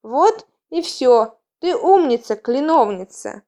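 A woman voicing a young male cat healer in a storybook, speaking softly and reassuringly at a slow pace. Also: high voice, expressive.

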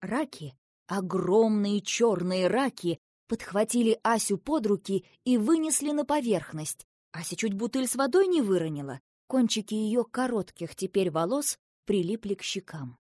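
A woman narrating a children's story as an audiobook, with expressive storytelling. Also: mid-range voice, moderate pace, no room sound.

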